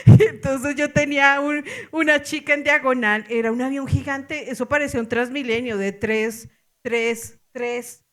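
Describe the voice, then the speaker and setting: A middle-aged woman pastor with a Colombian accent tells a story during a sermon, her voice sitting high and her pace measured. She is animated, laughing and letting out exclamations.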